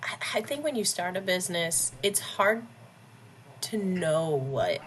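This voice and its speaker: Woman, 30s, podcast guest; blunt, jokey, quick to laugh, slightly low voice. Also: slight background noise. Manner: blunt, joking, animated, laughs often between phrases. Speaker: podcast guest, business owner. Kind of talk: casual conversational interview.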